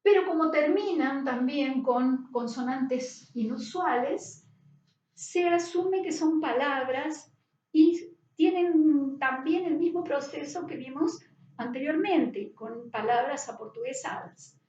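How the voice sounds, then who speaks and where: A high-voiced woman gives a lecture, explaining step by step and often checking that her students follow. Her voice sits back from the mic in a roomy space, and the sound is a little dull. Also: slow pace, a little mellow, recorded from a distance. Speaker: teacher.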